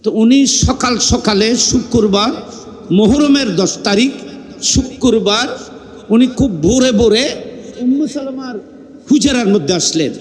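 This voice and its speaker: A man preaching a fervent sermon, telling a story and rising into sung cries and shouts. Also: extremely high pitch, expressive, measured pace. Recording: long hall reverb.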